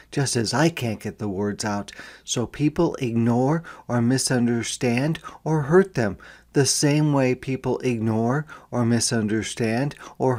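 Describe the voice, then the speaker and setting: A man with a medium-pitched voice reads a picture book aloud slowly and deliberately, like a teacher with young listeners. Now and then he steps out of the story to explain things more quietly, making it an interactive read-aloud.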